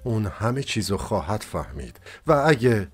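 A man's voice: lowish voice, sing-song, husky, soft background music. A man voicing a lovesick young dreamer in an audiobook, urgent and impassioned. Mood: earnest.

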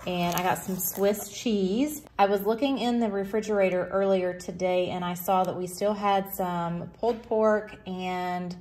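A woman's voice: medium pitch, fairly even intonation, a little slow, hardly any pauses. A woman, chatting upbeat on a phone camera as she shows store items and then her haul at home. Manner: chatty and upbeat, says y'all. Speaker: vlogger. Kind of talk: casual shop-with-me narration. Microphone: phone camera held in hand. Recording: loud fan noise in a store. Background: loud store fans and ambience.

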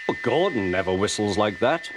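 A man voicing a kind, gentle older male steam engine who talks in a friendly way, over loud music. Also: fairly low pitch, sing-song, moderate pace. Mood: kindly.

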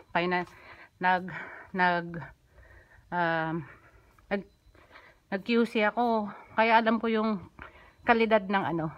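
A woman's voice: mid-range voice, lo-fi sound. A woman with a mid-range voice chats her way through a shop tour, upbeat and eager to point things out. She speaks casually into a handheld phone, strolling through the store and its stockroom. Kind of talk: casual walking vlog.

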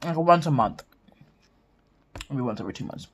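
Low-voiced woman chatting over a mukbang. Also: animated, moderate pace, slight background noise. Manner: chats between bites with eating sounds and hums. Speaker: mukbang vlogger. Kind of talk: casual mukbang chat while eating.

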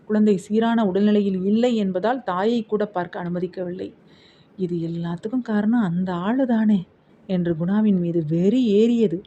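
A woman's voice: medium pitch, dark tone, lo-fi sound. A woman narrating a novel as an audiobook, telling the story expressively.

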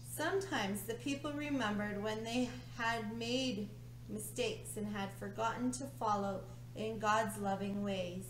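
Slow-reading woman in an echoey room. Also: mid-range voice, fairly even intonation. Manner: slow, clear, soothing reading. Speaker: children's ministry leader. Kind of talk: gentle storytelling to children. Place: church room with a round table, indoors. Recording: echoey room, faint hum.

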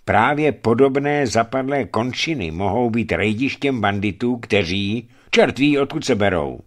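A man's voice: mid-range voice, expressive, pitched above the performer's own voice, close to an everyday voice. Man reading as stubborn expedition member, insistent, argumentative.

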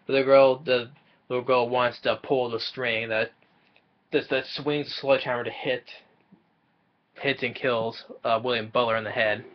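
A man's voice: mid-range voice, flat delivery, normal speed, muffled recording. A young man casually recapping a film's plot from a small room, often stumbling and repeating words as he goes. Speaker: movie reviewer.

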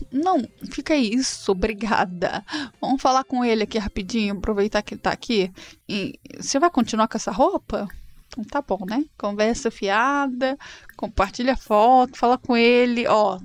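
A Brazilian woman casually commenting on a life-sim game, animated and dramatic, voicing her character's lines. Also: normal speed. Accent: Brazilian Portuguese. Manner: animated, swings into high dramatic outbursts. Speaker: gameplay streamer.

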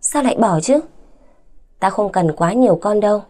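Woman reading a cruel young husband: sneering, fast, mellow low-key tone. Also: animated, natural voice. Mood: harsh contempt. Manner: harsh, sneering, fast insults. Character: brutal, contemptuous young man, abusive husband.

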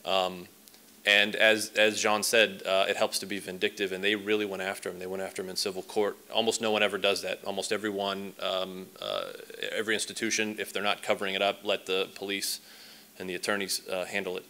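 A man in his forties gives a conversational symposium talk in a large lecture hall, full of fillers and restarts. His low voice is steady, a little fast, pushed and bright, picked up by a stand mic set at a distance.

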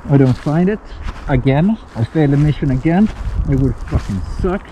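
A man's voice: on the high side, expressive, normal speed, background noise. Muffled man vlogging through a gas mask. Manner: sweary, informal, talking to camera. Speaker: vlogger playing a survival mission. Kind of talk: casual first-person vlog narration. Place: outdoors in a forest. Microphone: handheld action camera at arm's length. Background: music.

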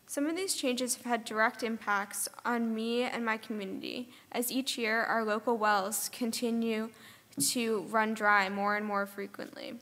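A woman's voice: a little high, measured pace. Teen girl reading a speech in a hall. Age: teens. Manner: earnest, steady reading. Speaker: student speaker. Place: large conference ballroom. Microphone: podium microphone. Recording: long hall reverb.

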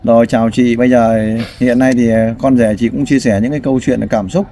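Male host, warm low tone, coaxing, sighing interviewer; light background noise. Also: fairly even intonation, brisk. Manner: prompting, sympathetic, sighs often. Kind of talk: street interview, casual and caring.

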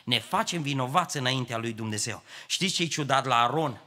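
A male pastor preaching a sermon in a church, swinging between quiet asides and raised preaching. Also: medium pitch, lively intonation. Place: church hall.

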